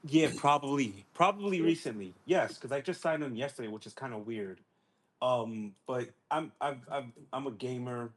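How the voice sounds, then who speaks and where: A man's voice: medium pitch, moderate pace. A man in his forties chatting as a guest on an online call, meandering and hedging with lots of ums. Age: 40s. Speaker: guest, tech architect. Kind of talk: casual online group chat.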